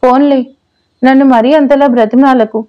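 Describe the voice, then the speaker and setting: A woman's voice: high voice, steady tone, normal speed, dull audio, natural voice. Woman voicing a pouty playful young wife. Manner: teasing, pouty. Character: playful pregnant young wife, mock-sulky. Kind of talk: audio story dialogue.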